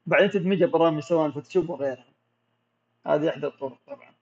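A man with a Gulf Arabic accent, a macro photographer who answers viewer questions in a relaxed, explanatory way during a casual live Q&A. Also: fairly high pitch, racing. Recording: dull lo-fi audio.

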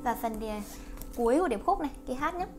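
A woman's voice: high voice, expressive, fast, over loud music. A woman teaching English through a song, explaining lines and pronunciation and then singing them for learners to repeat. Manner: switches between explaining and singing along. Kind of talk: song-based English lesson.

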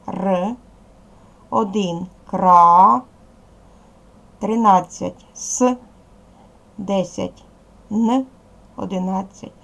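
Creaky-voiced woman teacher giving a lesson. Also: medium pitch. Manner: patient, clear instructions to children. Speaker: primary school teacher. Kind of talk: recorded video lesson for children.

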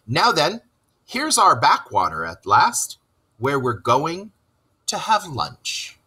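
A man's voice: a little high, wildly swooping pitch, slow pace, sharp tone, slightly rough, pitched above the performer's own voice, heavily acted. Man doing chatty river Rat. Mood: wary. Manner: chatty and hearty, hesitant when wary. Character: cheerful, self-assured male water rat who loves the river.

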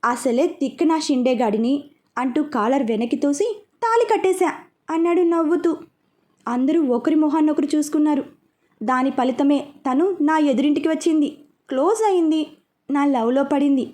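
Woman reading a love story out loud, high voice, does all the characters. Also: moderate pace. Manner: reads a novel aloud, narrating and voicing all characters. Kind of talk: audiobook narration.

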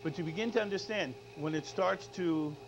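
Speaking in a high voice at a moderate pace, a middle-aged chef works through an unscripted demo in a studio kitchen, frequently adding tag questions like "all right?". His lapel mic yields dull lo-fi audio with background noise.

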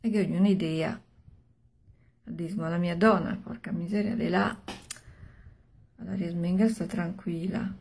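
An older woman with a Milanese accent tells a story aloud in a husky, gravelly voice. She speaks colloquially, as if chatting, in short phrases, and plays out the characters' exchanges herself. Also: lowish voice, steady tone, a little slow, long pauses, darkish tone. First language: Milanese dialect. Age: 60s. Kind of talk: oral storytelling of an old horror tale, acting out dialogue. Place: small room at home.

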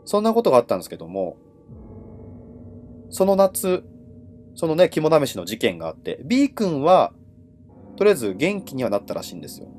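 A man hosts a live ghost-story stream in an informal, conversational way. His intonation swings very widely, with dramatic pauses and endings that drop away. There is faint noise behind his voice. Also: mid-range voice, huge pitch swings, a little mellow. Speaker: horror storyteller and host.

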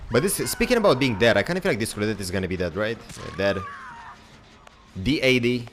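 A young man casually commentating his own gameplay, chatty and excitable, swearing now and then and talking to his viewers. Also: mid-range voice, a little fast, faint music behind. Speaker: game streamer.

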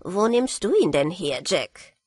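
A woman voicing a sly, hearty old male merman in a storybook reading, slow and breathy. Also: fairly low pitch, sing-song, a little mellow, no room sound, clean studio sound.

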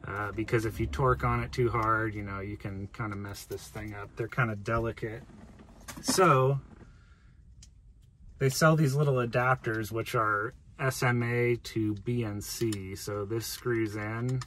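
A man in his thirties hosts a video from the cab of a parked van, giving a casual, plain-spoken hands-on walkthrough of his gear. His fairly low voice is unhurried and a bit bright with fairly even intonation, and there's a little hiss or hum.

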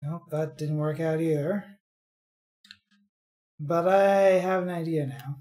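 Female game streamer, low register, slow casual commentary, dry and musing. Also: steady tone, warm tone.

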